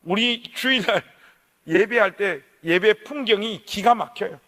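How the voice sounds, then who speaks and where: A man's voice: high voice, a little slow, bright, forceful tone. A male pastor telling a personal story in a revival sermon, emotional and vivid, with acted-out quotes. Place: church sanctuary. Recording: long hall reverb.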